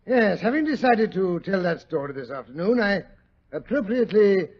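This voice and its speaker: An actor playing a jovial, blustery old English doctor with a British accent and fussy, old-fashioned manner, in 1940s radio drama style. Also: male voice, high voice, big pitch swings, normal speed. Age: older. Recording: dull, lo-fi 1940s radio recording.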